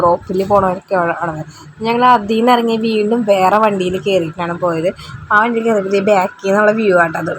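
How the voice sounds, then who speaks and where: A woman's voice: mid-range voice, slight background noise, low-quality recording. A young woman, a mother, narrating her family trip in a chatty, rambling vlog voice-over with asides to the viewer. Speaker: travel vlogger, mother.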